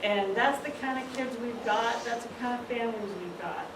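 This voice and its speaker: Before the show begins, a woman directing a school play addresses the audience informally, full of enthusiasm and encouragement. She speaks at a moderate pace in a voice on the high side, captured from afar in a large room with a roomy, noisy sound.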